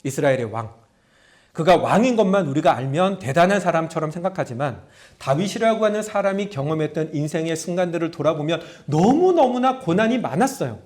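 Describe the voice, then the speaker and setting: A man's voice: a little high, animated, brisk, a little mellow. A middle-aged male pastor preaching a sermon, telling stories, acting out prayers and asking his congregation questions. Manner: storytelling preacher, acts out prayers in a raised voice; talks to the congregation directly, asking them questions.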